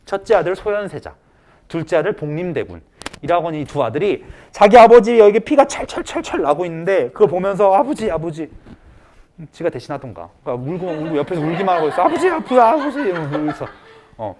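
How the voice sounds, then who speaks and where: A male high school history teacher giving a casual storytelling lecture, acting out characters in quick asides. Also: expressive, a little mellow.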